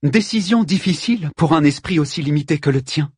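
A man voicing a proud warrior queen who answers with calm, cutting scorn. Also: on the high side, brisk, breathy edge, no echo, clean studio sound, voice pushed up. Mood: scornful.

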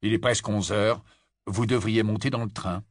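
A man doing a low, calm father. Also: normal speed, dry recording, clean studio sound, natural voice. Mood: firm. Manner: gentle, firm, reassuring. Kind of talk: audiobook character voice.

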